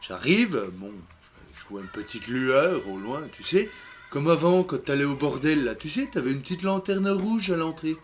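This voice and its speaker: A man's voice: on the high side, expressive, normal speed, a bit bright, faint music behind. A man playing a lonely boozy braggart. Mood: rambling. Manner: rambling, filler-heavy, trailing off into mumbles. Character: lonely boastful boozy man, rambling and crude. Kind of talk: comic monologue in character.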